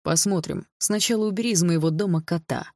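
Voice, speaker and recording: A woman voicing a cold, controlling middle-aged stepfather who speaks slowly and in a measured way in an audiobook. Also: fairly low pitch, vocal fry, a little mellow, no room sound, studio quality.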